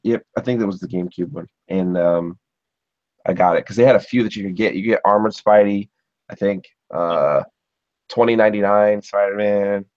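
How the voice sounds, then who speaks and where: A man's voice: fairly low pitch, steady tone, normal speed, a little mellow, no room sound. A man from Ohio chatting casually as a podcast host, rambling with lots of fillers. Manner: rambling, filler-heavy, chuckling. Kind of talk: casual chat. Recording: dull muffled sound.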